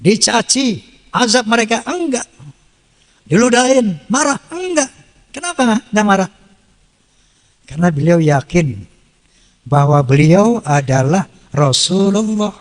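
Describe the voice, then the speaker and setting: A high-voiced male preacher gives a very animated sermon at a measured pace with long pauses, his voice trailing off in a long reverb as if in a large hall. He recites Arabic verses, explains them simply, and repeatedly asks questions he then answers himself.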